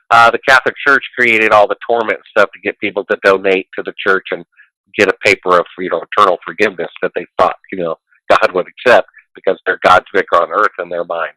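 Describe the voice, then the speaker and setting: A man's voice: lowish voice, sharp tone, dry recording, rough recording. A man in a casual conversation as a guest, talking in a preachy, rambling way and quoting scripture.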